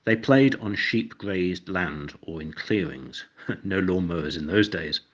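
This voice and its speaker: A man's voice: deep voice, animated, measured pace, breathy edge, dull audio. An older English man with an English accent, narrating an educational explainer in a wry, dry-humored way. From England.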